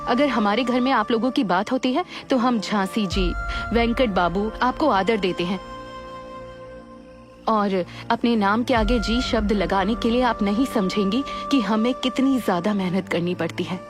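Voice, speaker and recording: A woman's voice: medium pitch, moderate pace, lightly acted. An actress dubbing a defiant young woman who speaks firmly and with passion, over film music. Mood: impassioned. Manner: firm, impassioned. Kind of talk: Hindi film dub. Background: film score.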